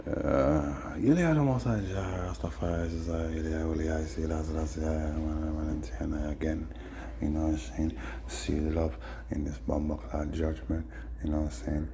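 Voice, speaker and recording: A man speaking in Rastafarian patois, rambling casually in a drawn-out, preachy way with frequent tag phrases. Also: very deep voice, steady tone, background noise. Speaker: host. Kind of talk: casual rambling vlog monologue in Rastafarian speech.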